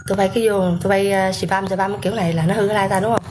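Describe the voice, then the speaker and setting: A woman's voice: medium pitch, fairly even intonation, racing, background noise. A woman ranting on a livestream, firing rhetorical questions at viewers and thanking them by name. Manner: combative, hammering rhetorical questions. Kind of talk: livestream rant.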